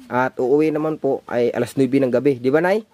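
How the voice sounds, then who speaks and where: A man vlogging casually, speaking loudly to a distant camera on a stand with no microphone, repeatedly addressing his viewers. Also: mid-range voice, steady tone, brisk. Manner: repetitive, keeps addressing viewers. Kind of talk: casual vlog talk to viewers. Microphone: camera on a stand far away, no microphone.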